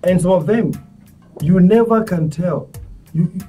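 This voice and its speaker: A man, a charity volunteer speaking as a guest in earnest, halting talk full of restarts. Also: high-pitched, mellow. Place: studio set. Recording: distant mic, faint music behind.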